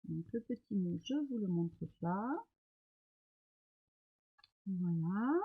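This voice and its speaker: Slow, hesitant middle-aged woman. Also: medium pitch, lively intonation, husky, phone-quality sound. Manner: hesitant, many pauses and fillers. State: recovering from illness. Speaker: crafting vlogger. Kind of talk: casual show-and-tell of mail.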